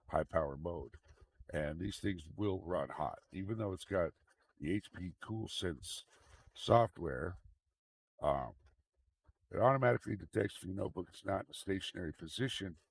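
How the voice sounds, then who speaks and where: A man with a fairly low, very creaky, gravelly voice talks through a computer demonstration off the cuff. He rambles casually and often repeats his phrases. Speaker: tech video host. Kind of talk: casual unscripted screen demonstration. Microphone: microphone into computer audio mixer. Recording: very noisy microphone with fan noise. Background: fan running.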